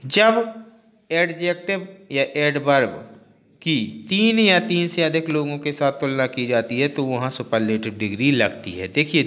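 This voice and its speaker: Man, fairly high voice, online grammar teacher, repeats terms, quizzes listeners, mixes in English words. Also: pushed and bright. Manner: explains slowly, repeating terms and asking questions.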